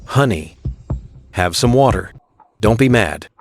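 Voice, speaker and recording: A man plays a commanding chairman and protective husband in a dubbed melodrama. His voice is low and authoritative, with prominent music behind him. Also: animated, slow pace. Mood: tender. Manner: stern, authoritative. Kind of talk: English-dubbed melodrama acting.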